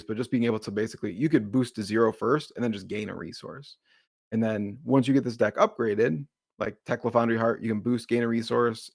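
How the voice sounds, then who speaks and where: A man with a slight Boston accent explaining a card game deck in a relaxed, rambling way with many fillers. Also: on the low side, gravelly, no room sound, studio quality. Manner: jokes about his slight Boston accent. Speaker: deck builder, co-host. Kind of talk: casual card game discussion.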